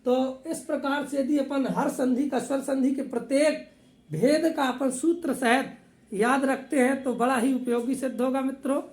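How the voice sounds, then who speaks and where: A woman's voice: high voice, fairly even intonation, moderate pace, darkish tone, reverberant. A woman teaching Sanskrit grammar patiently, repeating each rule and asking it back as a question. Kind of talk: classroom explanation.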